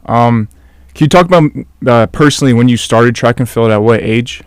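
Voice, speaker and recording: A young man hosting a casual interview podcast, asking relaxed questions full of "uh"s. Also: mid-range voice, normal speed, smooth, dry recording, clean studio sound. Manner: relaxed, filler-heavy questions. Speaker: podcast host.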